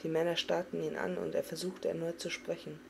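A woman giving an expressive, dramatic reading of a fantasy novel. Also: sits low, fairly quick, vocal fry, background noise. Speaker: audiobook reader.

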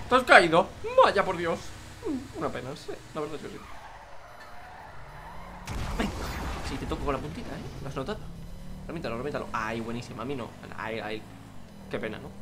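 A young man with a Spain Spanish accent giving excitable live gaming commentary, swearing and yelling at other players. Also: medium pitch, heavy background noise. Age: young adult. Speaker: gaming YouTuber.

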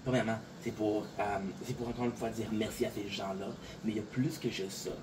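Fast-talking and steady in tone, this lowish-voiced Montréal content creator speaks Québécois French in a casual piece to camera. He seems a bit tired and meanders, repeating himself and using frequent fillers. The recording catches him from a distance, with noisy, clear outdoor ambience.

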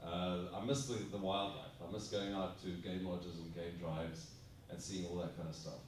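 Low-voiced man from South Africa, echoey hall. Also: fairly even intonation, normal speed, a little hiss or hum. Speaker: convention panel guest actor. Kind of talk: casual panel talk. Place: large carpeted convention room, indoors. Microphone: handheld mic, far camera. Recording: echoey room, distant mic.

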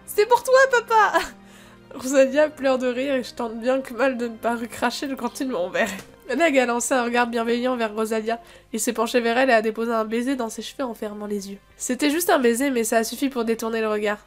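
A woman reading a dating game aloud, expressive and chatty, giggling between lines and adding casual asides. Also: on the high side, fast, faint music behind.

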